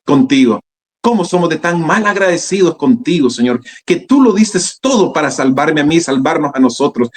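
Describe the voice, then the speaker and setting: Fervent high-voiced Dominican preacher. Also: male voice. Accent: Dominican Spanish. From Dominican Republic. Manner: fervent, repeatedly addressing listeners as brothers. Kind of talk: fervent sermon.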